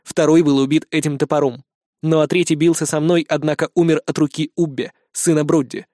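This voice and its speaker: A man as a calm, confident young warrior. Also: on the high side, fairly quick, no echo, close to an everyday voice. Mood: firm. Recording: dry close studio audio.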